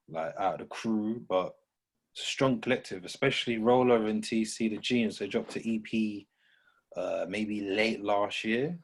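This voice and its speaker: A man talking casually about music, opinionated and full of slang. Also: lowish voice. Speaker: radio station operator on a podcast.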